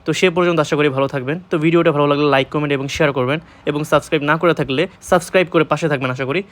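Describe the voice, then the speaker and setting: A man's voice: a little high, steady tone, racing, fairly bright tone. A young man from Bangladesh teaching a vocabulary lesson, repeating each word and answering his own questions. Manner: repetitive drill, asks and answers own questions. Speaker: language teacher.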